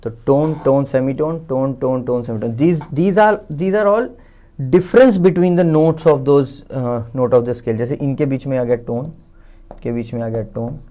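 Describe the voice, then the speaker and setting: An Indian-accented man gives a relaxed music theory lesson, thinking aloud as he writes and counting out each step. His voice sits at a middle pitch with a warm, mellow tone. He pauses to correct himself now and then. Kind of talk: casual explanatory lesson while writing.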